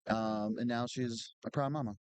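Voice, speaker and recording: A man calls a strongman event with a loose, chatty, knowledgeable delivery, often restarting his sentences. His voice is smooth and clear at a middle pitch. The sound is dry and close. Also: fairly even intonation, normal speed, darkish tone, no echo, rough recording. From Boston area. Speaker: commentator. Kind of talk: live event commentary.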